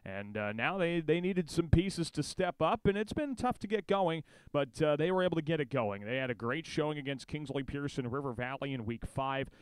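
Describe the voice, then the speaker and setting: A man's voice: on the high side, lively intonation, moderate pace, hardly any pauses, clean tone, no room sound, poor audio. A man with an American accent giving pregame radio commentary as a football play-by-play announcer. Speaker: sports director and play-by-play announcer.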